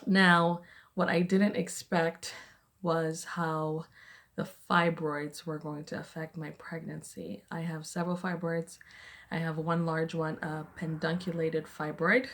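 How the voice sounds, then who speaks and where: A young woman talking casually to her vlog viewers, chatty and a little out of breath, with lots of "um" fillers and excited bursts. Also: low-pitched, slow, creaky. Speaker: vlogger. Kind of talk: casual personal vlog talk.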